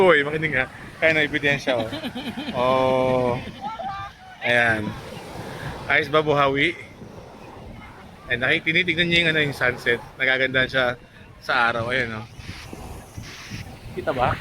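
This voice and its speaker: A travel vlogger chats casually to a handheld camera on a beach at sunset, his medium-pitched voice steady and a little slow, with long pauses. He coos at a baby and teases it in a lifted voice. Waves, wind and surf are audible in the background.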